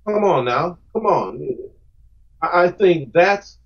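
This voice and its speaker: Guy on a podcast, kinda high voice, earnest and rambly, muffled sound. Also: lively intonation, slow pace. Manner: earnest, reflective, rambling with restarts. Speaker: podcast guest, comic creator. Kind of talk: casual podcast conversation. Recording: muffled lo-fi audio.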